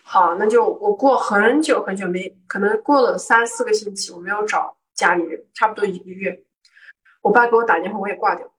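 Young woman, from Guangzhou, casual storytelling, animated, indignant quoted lines, mic set at a distance. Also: medium pitch, a little fast. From Guangzhou, southern China. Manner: animated, acts out quoted arguments with rising indignation. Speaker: guest telling a personal story. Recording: voice picked up from a distance.

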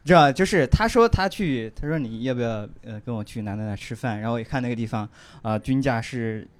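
A man's voice: medium pitch, animated, brisk. A man telling a story on a comedy chat show, hesitant, repeating words and laughing at himself. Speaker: comedian guest. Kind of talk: casual comedy podcast chat.

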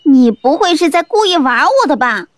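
A man voicing a feisty, bossy young daughter who snaps back with quick, scolding retorts in an audiobook. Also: very high-pitched, big pitch swings, no echo, pitched above the performer's own voice. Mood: scornful.

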